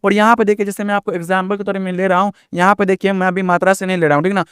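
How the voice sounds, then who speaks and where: High-voiced man tutoring a lesson. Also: level tone, racing, a bit bright, clean tone, no echo, clean studio sound. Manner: repetitive, checks in with "ठीक ना" often; draws out vowel sounds to demonstrate pronunciation. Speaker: online tutor. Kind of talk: teaching a lesson to viewers.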